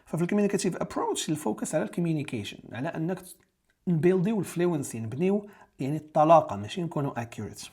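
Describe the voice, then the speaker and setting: Husky, fast-talking Moroccan man teaching. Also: a little high, expressive, darkish tone. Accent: Moroccan Arabic. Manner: explains step by step, repeats and rephrases key terms. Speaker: teacher preparing candidates for an English teaching exam. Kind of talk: exam-prep lesson mixing Darija and English terms.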